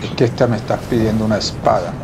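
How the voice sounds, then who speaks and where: Young man, deep monotone, casual muttering let's-play, loud game audio underneath. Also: fast, background noise. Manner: muttering to himself, swearing, puzzled questions. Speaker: gameplay streamer. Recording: loud game sound behind voice.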